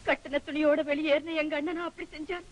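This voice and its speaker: A woman's voice: high voice, flat delivery, a little fast, slight background noise, natural voice, rough recording. An actress playing a young mother who pleads earnestly and defends her brother. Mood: pleading. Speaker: young mother in a family film. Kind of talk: 1960s film acting.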